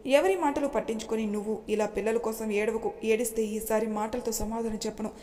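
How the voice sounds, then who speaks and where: A woman voicing a calm, caring young husband who talks earnestly and reassures his wife. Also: on the high side, brisk, natural voice. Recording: long hall reverb.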